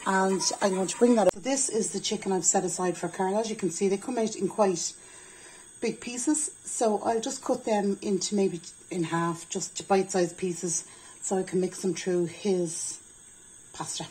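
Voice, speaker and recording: A woman in her forties with an Irish accent chats casually while cooking in her home kitchen, explaining each step for her cook-along vlog. Her medium-pitched voice has a darkish tone and fairly even intonation at a moderate pace. The rough recording, made on a camera sitting on the worktop, carries a little hiss or hum.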